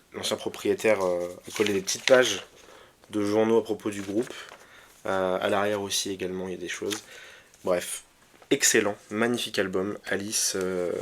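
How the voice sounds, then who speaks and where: Hesitant low-voiced man, casual vlog. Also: slight background noise. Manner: hesitant, many fillers and restarts, enthusiastic. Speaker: vinyl collector presenting his records.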